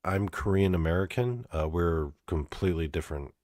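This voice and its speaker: Host, young guy from canada, deep voice, dry close sound, halting and awkward. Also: expressive, darkish tone, dry recording. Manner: halting, awkward, heavy on fillers. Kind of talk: comedy interview show.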